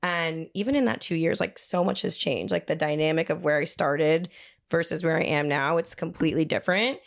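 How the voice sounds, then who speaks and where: A woman's voice: low-pitched, a little fast, creaky. A woman who works as a hairstylist, a podcast guest talking casually in an upbeat, emphatic way. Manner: upbeat, emphatic, filler-heavy. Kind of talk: casual chat.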